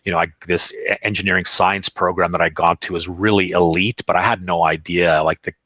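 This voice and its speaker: Guy with a really low voice talking over a video call from his office, punchy, dry sound. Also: steady tone, fairly quick, bright, forceful tone, no echo. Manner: candid, self-assured, laughs at himself. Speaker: guest, company founder. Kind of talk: casual interview chat.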